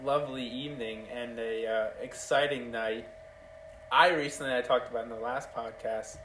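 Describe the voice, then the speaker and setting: A man's voice: medium pitch, steady tone, moderate pace, a bit bright. A young man chats away on his podcast, rambling through a story with loose, swear-laced talk. The mic sits some distance away in an echoey room, with a faint hum of ambience behind him. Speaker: podcast host. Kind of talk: casual chat.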